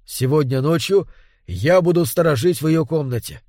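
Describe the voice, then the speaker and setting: A man voicing a composed doctor who calmly reassures his frightened friend. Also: fairly high pitch, moderate pace, no echo, clean studio sound. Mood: reassuring. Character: composed male doctor, shaken but steady. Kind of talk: audiobook character reading.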